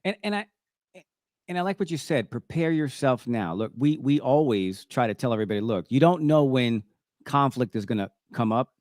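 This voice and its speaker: In his fifties, a man hosts a conversational talk show about faith, speaking emphatically, often repeating himself and checking in with "right?" His medium-pitched voice has lively intonation, a normal speed and a darkish tone. The recording is dry and of studio quality.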